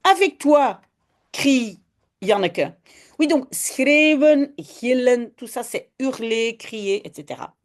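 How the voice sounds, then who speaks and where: Slow, patient woman teaching. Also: a little high, lively intonation. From Belgium. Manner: patient, explaining step by step with frequent "hein". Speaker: Dutch teacher. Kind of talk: online language lesson.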